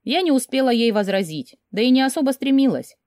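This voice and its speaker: A woman narrates a first-person novel with emotional, expressive delivery. Her pitch moves widely through the lines. The recording is dry and close, with no room around it. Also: a little fast, no echo. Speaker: audiobook narrator.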